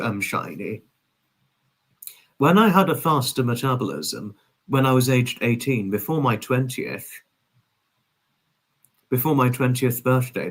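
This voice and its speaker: Hosting a relaxed livestream, a man in his twenties greets and responds to viewers with effusive, old-fashioned courtesy. He speaks formally and at length, often looping back to repeat what he just said. His pitch is an ordinary male middle range, with a fairly bright tone.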